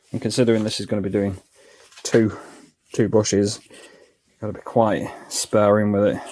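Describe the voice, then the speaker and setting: A man's voice: on the low side, darkish tone. A man giving casual step-by-step commentary as he works on car parts in his home garage, talking himself through each task. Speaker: DIY car mechanic vlogger.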